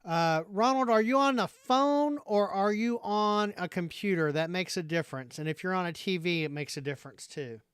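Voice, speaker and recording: A man's voice: high-pitched, normal speed, few pauses, a bit bright, smooth, no room sound, studio quality. A man hosting a casual livestream chat, thinking aloud in a hesitant way. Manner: hesitant, thinking aloud while figuring things out. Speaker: livestream host.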